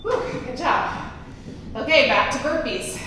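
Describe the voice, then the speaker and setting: A fitness instructor with a high, bright, forceful voice leads a Tabata workout, expressive yet unhurried. She encourages her class with brief commands, countdowns, short cues and demonstrations. The echoey room, distant mic and noise make the recording rough.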